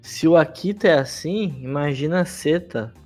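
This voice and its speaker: A man's voice: a little high, moderate pace, darkish tone, faint music behind. Man tossing in short puzzled questions. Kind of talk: casual podcast chat.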